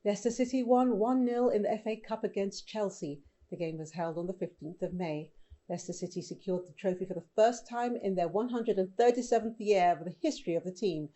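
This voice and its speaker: A woman's voice: mid-range voice, a little fast, warm tone. A woman presenting scripted online news as host, speaking directly and conversationally to viewers.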